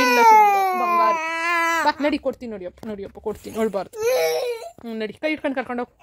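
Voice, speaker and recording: A woman's voice: fairly high pitch, heavy background noise. A woman speaking with a Kannada accent, coaxing and bargaining with a toddler at home in sing-song baby talk. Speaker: vlogger parent.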